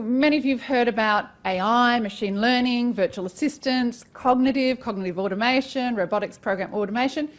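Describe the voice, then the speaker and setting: A woman moderating a live panel, addressing the audience and putting questions to the speakers. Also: fairly high pitch. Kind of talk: live event hosting.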